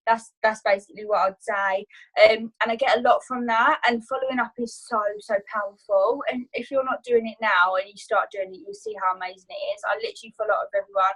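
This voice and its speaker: A woman's voice: a little high, fast, a bit bright, poor audio. A woman talking casually on a video call, sharing her business tips as a guest trainer, chatty, with many fillers and restarts. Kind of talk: casual online training talk.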